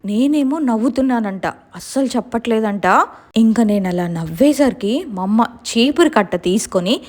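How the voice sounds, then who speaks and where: A woman's voice: fairly high pitch, lively intonation, moderate pace, dark tone. A woman casually telling a real-life horror story in a colloquial, conversational way.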